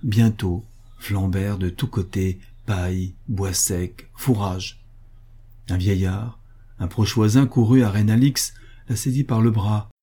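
A man narrating a story as an audiobook, in a grave, measured way. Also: lowish voice, fairly even intonation, warm tone, breathy edge.

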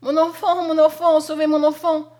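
A woman's voice: high-pitched, little pitch movement, moderate pace, a little mellow, pitched above the performer's own voice, close to an everyday voice. A woman voicing a desperate young peasant mother, crying out in frantic pleas. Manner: frantic pleading cries.

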